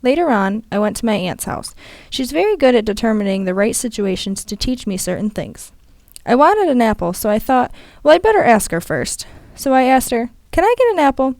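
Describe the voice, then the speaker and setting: Young woman interpreter voicing a story in english, steady and measured, dry close sound. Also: a little high, no echo. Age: young adult. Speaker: student interpreter. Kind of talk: interpreted first-person voiceover.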